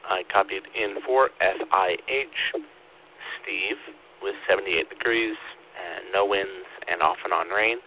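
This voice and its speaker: Male radio net controller, low-pitched, formal and procedural, heard through a narrow, lightly static radio-room transmission. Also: unhurried. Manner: procedural, repeating call signs and details back. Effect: two-way radio transmission. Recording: phone-like radio static and hum. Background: radio static and hum.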